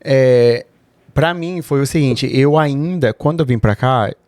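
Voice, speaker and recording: A man's voice: medium pitch, measured pace, darkish tone, no echo. Brazilian man podcast co-host, easygoing and candid, mid-range voice. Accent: Brazilian Portuguese. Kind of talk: casual chat.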